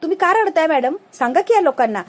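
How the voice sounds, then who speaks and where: A woman voicing a quick, pleading young man. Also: extremely high pitch, animated, pitched above the performer's own voice. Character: easygoing young man, joking, defensive.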